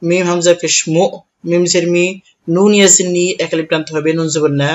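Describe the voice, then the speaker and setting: Bangladeshi guy teaching quran reading, kinda high voice, breaks words into letters one by one. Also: level tone, highs cut off. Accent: Bangladeshi Bengali. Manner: spells each syllable slowly, then chants the verse in a drawn-out melody. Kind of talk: letter-by-letter tajweed instruction.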